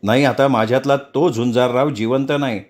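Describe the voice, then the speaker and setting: A man voicing a despairing adult journalist who talks low and weary. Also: fairly even intonation, moderate pace, lightly acted. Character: despairing male journalist, adult, broken-spirited.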